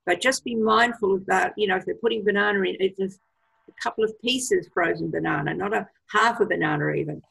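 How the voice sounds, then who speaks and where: Gravelly husky woman on a video call. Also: medium pitch, fairly quick, fairly bright tone, rough recording. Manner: enthusiastic, gives advice with many fillers. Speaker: product trainer. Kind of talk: casual presentation on a video call.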